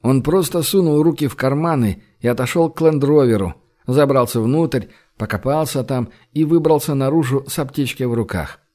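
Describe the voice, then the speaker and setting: A man reading an audiobook novel with measured, even narration. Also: mid-range voice. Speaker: audiobook reader. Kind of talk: scripted narration.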